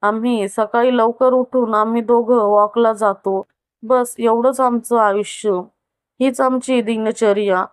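A woman voicing a modest, caring middle-class wife who talks gently and with concern in a storybook tale. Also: fairly high pitch, steady tone, slow pace, clean tone, no room sound. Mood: plain modest.

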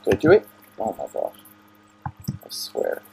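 Playing a video game at home, a young man who hosts a gaming channel offers casual commentary, muttering to himself and quick to get irritated. He speaks at a measured pace with a darkish tone, and the recording is lo-fi and homemade.

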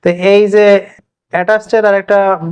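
Man teaching English words, slightly high voice. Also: little pitch movement, a little mellow, smooth. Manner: explains slowly, repeats word meanings, reads English example sentences carefully. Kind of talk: informal vocabulary lesson.

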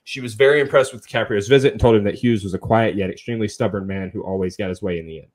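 A man's voice: fairly low pitch, rapid-fire. A young man co-hosting a casual film review podcast, rambling and chatty. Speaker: podcast co-host.

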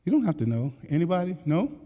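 A man's voice: on the high side, sing-song, quick pace, dull audio. An older man giving a keynote talk, telling his story animatedly, laughing and joking with the audience. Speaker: keynote speaker. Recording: echoey hall reverb.

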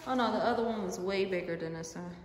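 A woman's voice: medium pitch, fast, slight background noise. A young woman chatting casually to her viewers in a home vlog, full of unsure asides. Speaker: vlogger and homeschooling mom. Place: houses on tour and her home, indoors. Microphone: phone camera held at arm's length.

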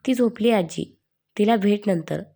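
A woman's voice: medium pitch, a little slow, creaky, dark tone, breathy edge. A woman voicing an eager young woman. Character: lively emotional young woman.

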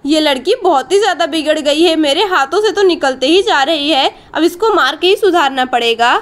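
A woman voicing a strict, quick-tempered village mother who talks in a defensive, scolding way. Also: high voice, lively intonation.

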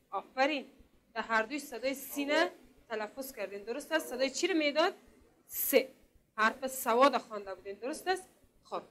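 Patient Afghan Dari woman teaching. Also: sits high. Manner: patient, repeats and checks understanding. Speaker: literacy teacher. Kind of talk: classroom lesson.

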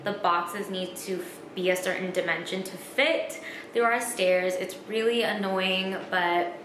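A woman's voice: mid-range voice, measured pace, roomy sound, background noise. A young woman in her twenties telling a casual home vlog story, upbeat and chatty, often saying "like". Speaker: vlogger. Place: small room at home, indoors.

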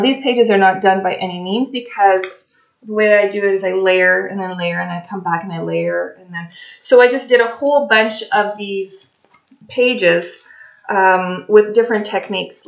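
Seated by a china cabinet in her dining room, a woman in her forties who vlogs about crafts and tarot talks through her craft journal pages. Her voice is slightly raspy, medium-pitched, and moderately paced, and she chats and rambles with lots of fillers. A webcam on her desk picks her up with slightly dull, lo-fi sound.

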